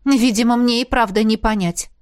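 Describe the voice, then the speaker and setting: An indignant young female mage student snaps back sharply, her voice lifting high, as a woman reads her. The audiobook sound is close and dry. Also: fairly even intonation, moderate pace, a little mellow, smooth, no room sound, lightly acted.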